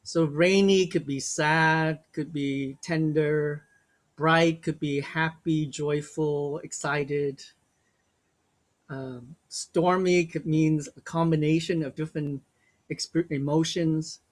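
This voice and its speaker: Slow, gentle older man leading a webinar. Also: fairly high pitch, fairly even intonation. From Vietnam. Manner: slow, gentle, reflective, with small restarts. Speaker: workshop facilitator. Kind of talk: guided webinar talk.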